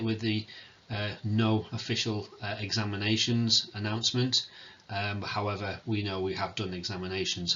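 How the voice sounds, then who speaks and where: A man, a teacher giving a recorded farewell talk to his students, hesitant with many pauses and fillers, in a self-described monotone. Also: fairly low pitch, lo-fi sound. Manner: hesitant, many ums, calls himself monotone. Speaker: sixth form teacher.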